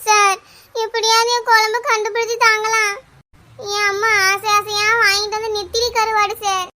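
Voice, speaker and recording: A woman doing a distraught young village wife in a cartoon. She has a very high, piercing voice and keeps wailing and pleading. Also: level tone, moderate pace, pushed and bright. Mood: tearful pleading. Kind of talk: cartoon voice acting.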